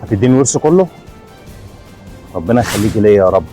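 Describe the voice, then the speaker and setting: A man's voice: lowish voice, expressive, fast talker, warm tone, faint music behind, lightly acted. Man playing a sly greedy Egyptian son. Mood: defensive. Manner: falsely sweet, then defensive and sly. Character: greedy son scheming against his mother.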